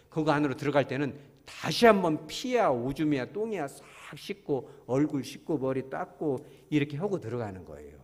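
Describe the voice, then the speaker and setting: A man's voice: fairly high pitch, big-room sound. A male pastor preaching a folksy sermon, often asking the congregation questions.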